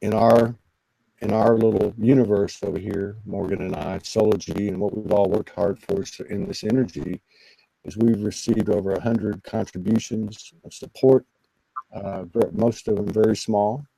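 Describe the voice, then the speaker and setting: A man, a guest on a spiritual talk show, telling a personal story in an earnest, emotional, halting way. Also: on the low side, fairly even intonation, creaky, warm tone, poor audio. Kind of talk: personal storytelling in casual conversation.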